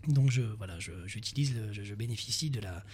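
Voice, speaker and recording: Fast-talking husky man, hesitant. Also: fairly low pitch, darkish tone. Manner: fast, hesitant, many restarts and fillers. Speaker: guest, ukulele video maker. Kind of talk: radio chat.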